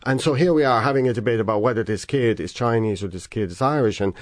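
A man's voice: medium pitch, quick pace, no room sound, studio quality. A man from England, a panel guest who talks thoughtfully and hedges as he goes. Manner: thoughtful, hedging restarts. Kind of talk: casual panel discussion.

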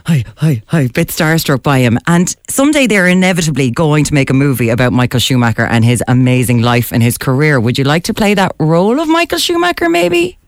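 A woman's voice: sits low, sing-song, brisk, hardly any pauses, no echo, clean studio sound. A woman with an Irish accent hosting a casual radio interview in an informal, jokey, enthusiastic way. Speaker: radio host.

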